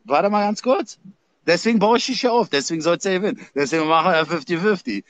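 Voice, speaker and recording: Man, Berlin accent, livestream host, slangy and rambling, bouncy animated pitch. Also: fast. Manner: slangy, rambling, calls everyone Dicker. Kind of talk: casual livestream chat with shout-outs.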